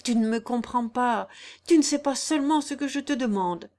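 A woman's voice: on the high side, animated, unhurried, darkish tone. Brief: woman reading an anguished young baron, impassioned and reproachful, storybook audiobook. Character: pale, feverish young male baron, lovesick and anguished.

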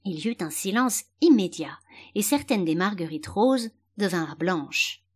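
A woman reading a children's storybook aloud with expressive, animated narration. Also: fairly low pitch, a little slow, breathy edge.

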